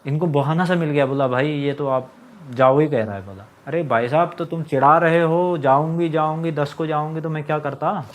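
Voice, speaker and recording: A man's voice: a little high, moderate pace. A young man telling his own story in a casual monologue, agitated and complaining, acting out what others said. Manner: agitated, complaining, acts out quoted lines.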